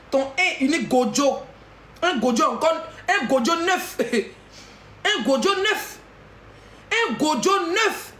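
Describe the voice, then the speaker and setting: A woman with an Ivorian French accent delivering a heated, taunting rant to the camera, often breaking into shouts. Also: high-pitched, roomy sound.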